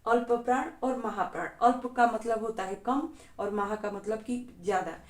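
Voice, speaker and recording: A woman's voice: a little high, moderate pace, echoey room. A woman from Bihar, India, teaching an exam-prep lesson patiently and step by step, often checking in with the class. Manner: patient, step by step, often says "theek hai".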